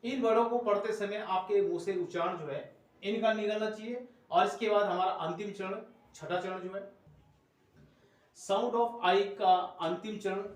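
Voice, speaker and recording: A man teaching a phonics lesson to children, spelling words out letter by letter and then sounding them, in a slow, repetitive drilling manner. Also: high-pitched, fairly even intonation, very echoey, recorded from a distance.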